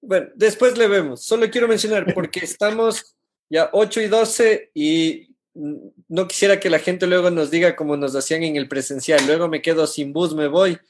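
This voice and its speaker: Slightly high-voiced man moderating a panel. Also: moderate pace, slight background noise. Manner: loose, conversational, thinks aloud.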